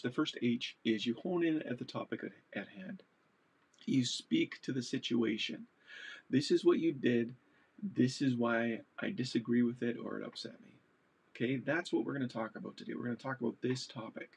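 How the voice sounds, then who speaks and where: A man's voice: medium pitch, creaky, breathy edge. A man from Canada giving casual advice to camera in a chatty, digressive way, laughing at himself now and then.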